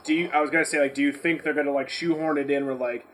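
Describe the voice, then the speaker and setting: A man with a slightly high voice talks very fast while co-hosting a podcast's casual movie debate. Blunt and profane, he rambles and argues, launching into animated rants and doing impressions of what people said.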